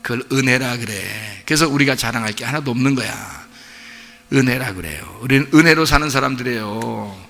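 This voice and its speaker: A male pastor preaching a sermon in a blunt, joking way, with sudden shouts and chuckles. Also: medium pitch, fairly quick, vocal fry, in a large hall. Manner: animated, bursts into shouts, chuckles; blunt casual banter with the congregation. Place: church sanctuary.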